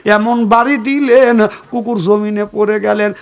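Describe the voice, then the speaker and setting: A man from Bangladesh preaching a waz sermon, telling a story in a sing-song style with sudden high exclamations and calls for the crowd to respond. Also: steady tone, a little slow.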